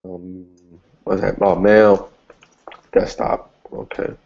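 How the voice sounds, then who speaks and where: In a laid-back screen-share tutorial, an English-speaking marketing instructor talks through setting up an online ad, restarting often and dropping in upbeat asides. His low, creaky voice is slow, with little pitch movement and a darkish tone. The highs are cut off in the recording.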